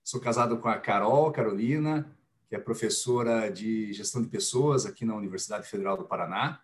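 A man's voice: fairly low pitch, brisk, slight background noise. Chatty Curitiba businessman in his forties. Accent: Curitiba Brazilian Portuguese. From Curitiba, Brazil. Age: 40s. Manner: relaxed, friendly, chatty with fillers like "cara". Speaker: podcast guest, business executive. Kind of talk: casual podcast chat.

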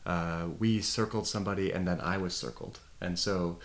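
Low man, podcast host, curious and relaxed, chatty questions. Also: normal speed. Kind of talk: casual conversational interview.

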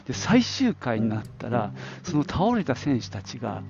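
Over music, a middle-aged man from around Nagoya, Japan, reminisces on his solo podcast, informal and rambling with little asides. His medium-pitched voice is creaky and sing-song, at normal speed. The sound is lo-fi.

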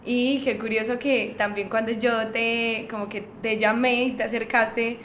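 A woman guest on a casual podcast, telling her side of a story in a relaxed, chatty way. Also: a little high, a little slow. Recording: echoey room, faint background noise.

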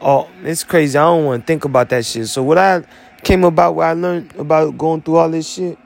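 A man's voice: on the high side, fairly even intonation, brisk, gravelly. A man, an army veteran, talking through his story in a rambling, profane monologue full of fillers.

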